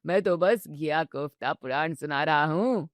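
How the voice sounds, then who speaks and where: A low, unhurried old father-in-law who can't stop cracking jokes at the family's expense, as a woman storyteller puts him on. He stretches his teasing lines out slowly. The voice is close and dry with no room sound. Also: dry recording. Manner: slow teasing drawl. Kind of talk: storybook narration.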